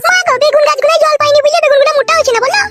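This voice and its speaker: A woman playing a sharp-tongued village mother-in-law in a comic skit. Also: very high voice, steady tone, noisy background. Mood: bossy. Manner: scolding, quick rural housewife talk.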